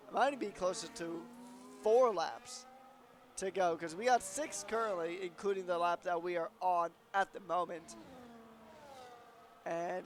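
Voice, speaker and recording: A man's voice: sits high, slight background noise. A man commentating a sim racing league, chatting through pit strategy and tyre choices. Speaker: race commentator.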